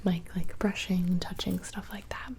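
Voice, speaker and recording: A woman's voice: fairly low pitch, flat delivery, a little slow, vocal fry. Whispering young woman, close mic. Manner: soft unvoiced whisper, casual and rambling. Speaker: ASMR creator. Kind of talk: whispered ASMR Q&A. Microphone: close studio microphone.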